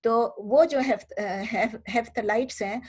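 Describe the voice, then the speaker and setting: A woman teaching a history class in conversational Urdu with many English words, often pausing with fillers, and asking her students questions that she answers herself. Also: on the high side, a little mellow, slightly rough. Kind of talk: informal online lecture.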